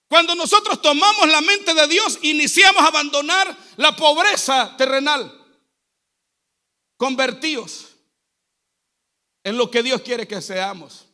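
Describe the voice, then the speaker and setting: A man's voice: very high voice, bright, forceful tone. A male pastor preaching a sermon in a repetitive, exhorting cadence, with a Central American Spanish accent.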